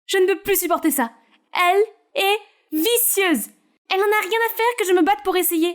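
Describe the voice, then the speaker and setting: A fed-up teenage girl complains in a high, whiny voice, as a woman acts her out. She sounds worn out and exasperated, like a heroine in an animated story. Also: fast talker. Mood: exhausted. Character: worn-out teen girl in training.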